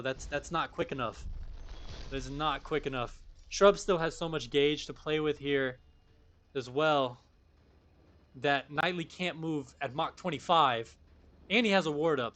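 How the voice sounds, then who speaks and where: Young male play-by-play caster, somewhat high-pitched, excitable and easily surprised. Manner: excitable, frequent bursts of surprise. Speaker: match commentator. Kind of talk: live play-by-play commentary.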